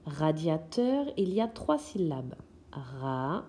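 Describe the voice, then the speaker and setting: A woman's voice: medium pitch, animated, slow, mellow, slightly rough. A woman teaching young children in a recorded lesson, patiently sounding out words syllable by syllable. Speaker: kindergarten teacher.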